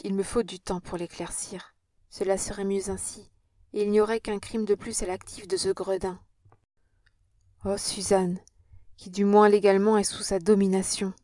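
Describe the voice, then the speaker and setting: A woman's voice: medium pitch, warm tone, no room sound, close to an everyday voice. A woman reading an audiobook and voicing an impassioned young Parisian woman with an earnest, dramatic manner.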